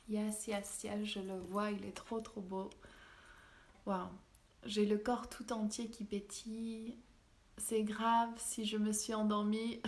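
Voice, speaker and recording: A woman with a Québécois accent, a spiritual healer hosting a live stream in soft, gently enthusiastic casual chat. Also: medium pitch. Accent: Québécois French. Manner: soft, unhurried, gently enthusiastic with frequent laughs.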